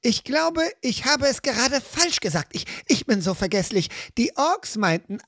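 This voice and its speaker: A man voicing a cheeky, quick-tongued young woman rogue in a fan audiobook, teasing and sly. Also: extremely high pitch, very animated, a bit bright, dry recording, clean studio sound, voice pushed up, exaggerated voice. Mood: sly mocking. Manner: mocking, playfully sly.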